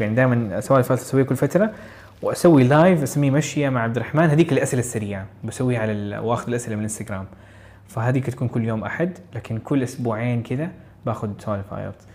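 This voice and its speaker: A man with a mid-range, slightly mellow voice hosts a live audio Q&A for exam learners. He gives casual advice rapidly and chattily, often restarting sentences and adding encouraging asides.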